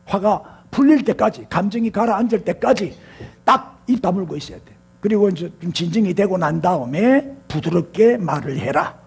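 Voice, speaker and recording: A man's voice: high voice, lively intonation, normal speed, vocal fry, husky. An older man with a Gyeongsang accent preaching a sermon, talking with the congregation and prompting them with rhetorical questions. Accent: Gyeongsang Korean. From Gyeongsang region, South Korea. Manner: leads the congregation in repeating phrases. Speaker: pastor.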